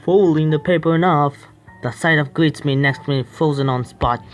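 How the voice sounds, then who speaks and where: Over music, a streamer with a slightly high voice nervously reads a horror game aloud. His reading is halting and stumbling, punctuated by frightened reactions to what happens on screen.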